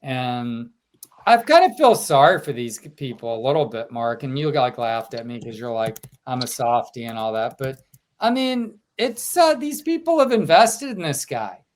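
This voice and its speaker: A man co-hosting a sports podcast, telling stories from a road trip in a casual, animated way. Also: medium pitch, moderate pace. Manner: storytelling, quotes fans in lively asides. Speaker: podcast co-host, sports reporter.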